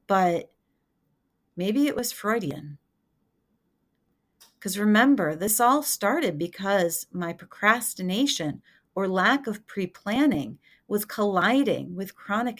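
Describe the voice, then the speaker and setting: A woman's voice: medium pitch, big pitch swings, slow, a bit bright. A woman hosting her own podcast, talking in an earnest, confessional way in a reflective personal monologue. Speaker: podcast host.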